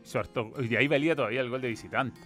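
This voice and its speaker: A man's voice: mid-range voice, rapid-fire, fairly bright tone, faint music behind. A man co-hosting a football podcast, listing lineups and absences in a matter-of-fact, casual way. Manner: lists lineups and injuries matter-of-factly.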